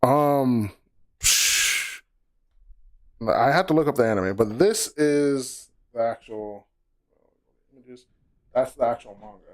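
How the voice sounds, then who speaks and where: A man's voice: mid-range voice, slow, pauses often. A man chatting as a podcast guest, rambling and restarting sentences as he explains a show he likes. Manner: rambling, restarts often, laughs. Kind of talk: casual podcast chat about anime.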